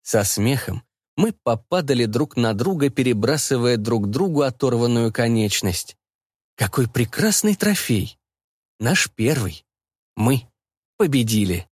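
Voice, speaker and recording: Lively man narrating an audiobook. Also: mid-range voice, unhurried, husky, dry recording, studio quality. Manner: lively, playful storytelling.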